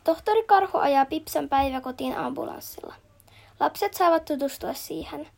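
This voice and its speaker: A woman reading a children's picture book aloud, steady and clear, noting each page turn. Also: high voice. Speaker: storybook reader.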